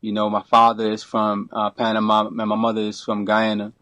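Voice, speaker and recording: A middle-aged man from Brooklyn, a podcast guest who talks in a relaxed, rambling way, full of restarts and you-knows. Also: fairly low pitch, brisk, dry recording. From Brooklyn, New York. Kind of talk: casual interview.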